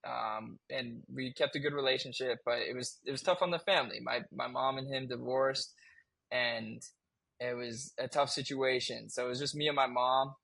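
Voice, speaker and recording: A man's voice: mid-range voice, steady tone, moderate pace, vocal fry, bright, forceful tone, no room sound. A man in his twenties, a podcast guest, telling a personal story in casual chat, candid and swearing freely as he restarts his sentences.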